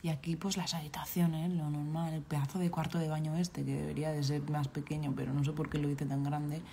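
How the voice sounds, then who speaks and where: A woman's voice: low-pitched, level tone, brisk, mellow, slight background noise. A woman from Valencia with a Valencian accent, chatting casually on a live stream and scolding the characters in her game. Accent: Valencian Spanish. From Valencia, Spain.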